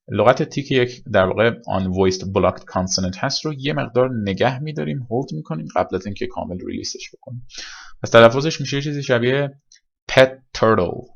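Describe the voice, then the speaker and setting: A man teaching English pronunciation in a recorded lesson, explaining step by step and repeating examples slowly. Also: mid-range voice, creaky, muffled recording.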